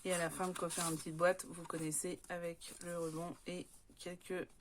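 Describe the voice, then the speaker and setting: A woman's voice: on the low side, level tone, normal speed, background noise. Chatty French woman with many fillers. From France. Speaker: scrapbooking vlogger. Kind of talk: casual show-and-tell of craft papers.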